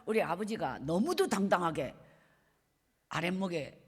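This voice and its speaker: A middle-aged woman evangelist with a Gyeongsang accent, giving an emotional sermon testimony and often dropping to a soft hush. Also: on the low side, big pitch swings, normal speed, husky. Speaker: evangelist preacher. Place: church sanctuary. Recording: long reverb of a church hall.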